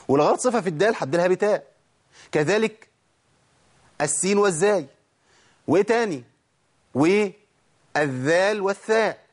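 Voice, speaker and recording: Egyptian man, slightly high voice, recitation teacher who stretches out sounds to demonstrate them. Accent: Egyptian Arabic. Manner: drawls out sounds and words slowly to demonstrate them; asks questions and answers them himself. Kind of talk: spoken lesson on pronunciation.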